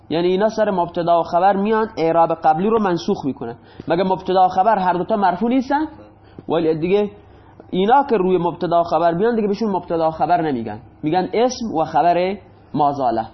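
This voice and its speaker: A male teacher with a high voice gives a grammar lesson, patiently repeating examples and posing questions he answers himself. The recording is dull and lo-fi.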